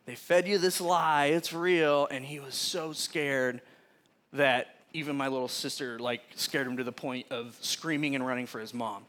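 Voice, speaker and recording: A man giving a casual sermon, telling a personal story in an animated, chatty way and often laughing mid-sentence. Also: mid-range voice, normal speed. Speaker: preacher.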